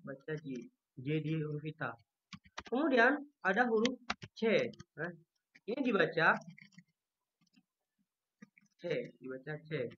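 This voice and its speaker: Sharing a screen in an online class, a Turkish teacher from Indonesia slowly repeats every letter sound so students can hear how it's pronounced. The mid-range voice is sing-song, and the audio is dull with slight background noise.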